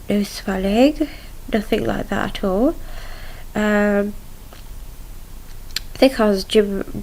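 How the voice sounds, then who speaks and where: A young woman giving a casual video diary in a subdued, halting way, recorded indoors at home on a device at arm's length. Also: mid-range voice, darkish tone, slight background noise, low-quality recording. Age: young adult. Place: small room at home, indoors.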